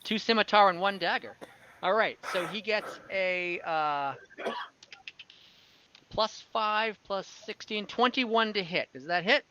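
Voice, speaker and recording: Speaking slowly in a mid-range voice, a game master thinks out loud while counting dice and describing combat in an online fantasy tabletop session. The voice call is recorded through a dull, lo-fi mic that picks up faint noise and clicks.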